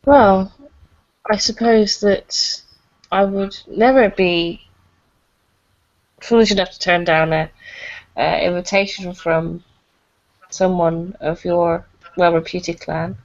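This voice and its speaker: A woman's voice: lowish voice, steady tone, takes it slowly, long pauses, a little mellow, no echo. Hesitant woman role-playing on a muffled call. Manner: hesitant, with fillers. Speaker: player. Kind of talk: in-character tabletop role-play. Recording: dull lo-fi voice call.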